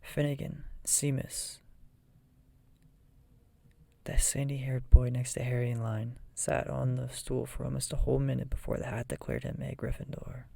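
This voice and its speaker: A person reading a children's fantasy novel aloud in a soft, breathy ASMR whisper. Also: mid-range voice, little pitch movement, moderate pace. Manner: soft whisper, often voiceless.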